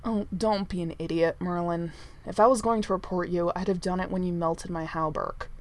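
Woman doing a young prince, lowered pitch, imperious, exasperated, dry, curt, storybook character. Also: moderate pace, lightly acted. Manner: even, curt, withering.

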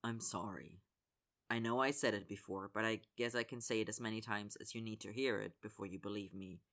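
A man reading aloud as an earnest, apologetic young man who speaks softly and hesitantly. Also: lowish voice, steady tone, brisk, pitched below the performer's own voice. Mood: soft, pleading. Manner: soft, pleading, hesitant.

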